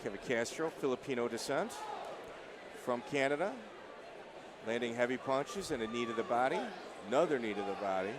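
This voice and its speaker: A man commentates a fight live, calling the action in a medium-pitched voice. Clear venue noise sits behind him. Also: fairly quick, crowd noise. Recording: noisy venue background.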